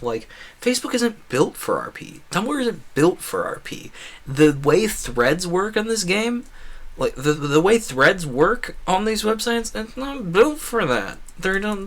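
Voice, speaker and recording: With a fairly high, slightly bright voice, this man talks loosely over his gameplay as a livestreamer and video creator. He keeps stopping, correcting himself and rewording things as he rambles.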